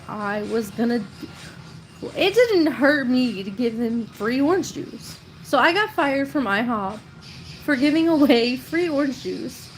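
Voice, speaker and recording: A woman's voice: on the high side, low-quality recording. Chatty, rambling woman in her thirties. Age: 30s. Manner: rambling, chatty, quick to laugh. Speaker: storytelling creator. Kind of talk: casual live-stream storytime.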